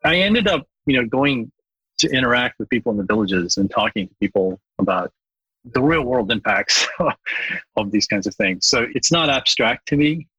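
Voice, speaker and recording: A man's voice: medium pitch, sing-song, normal speed, creaky, sharp tone, slightly rough, dry recording, muffled recording. A middle-aged man from Bangladesh, a guest in a podcast interview, speaking earnestly and thoughtfully with frequent restarts.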